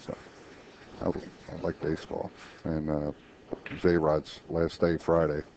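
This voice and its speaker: A man's voice: a bass voice, monotone, measured pace, gravelly, dark tone. A man commentating a pool match in a chatty way, explaining shots with frequent restarts. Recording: dull lo-fi stream audio with faint noise.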